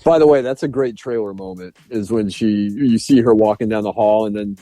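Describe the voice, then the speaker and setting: Guy on a podcast rambling about a movie, warm low-key voice, laughs a lot, dry close sound. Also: brisk, dry recording, faint music behind. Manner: animated retelling with frequent laughs and restarts. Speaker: podcast co-host. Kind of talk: casual film review chat.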